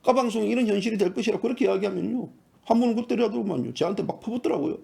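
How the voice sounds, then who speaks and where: A man's voice: high voice, very fast, gravelly, mellow. A man in his fifties, an independent journalist, gives a heated commentary monologue and keeps firing off rhetorical questions. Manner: fiery, fires off rhetorical questions.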